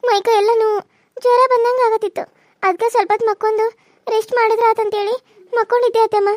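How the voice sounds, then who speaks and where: A woman's voice: very high voice, little pitch movement, fast talker, darkish tone, no room sound, studio quality. A woman voicing a meek, overworked young daughter-in-law, who talks in a pleading, apologetic way. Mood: tired. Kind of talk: cartoon voice acting.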